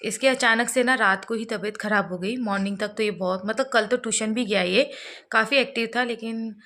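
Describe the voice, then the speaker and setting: A woman's voice: fairly high pitch, a little fast, sharp tone. A young woman, a mother, chatting straight to her viewers in a casual family vlog, first at home and then at a hospital. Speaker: vlogger, mother.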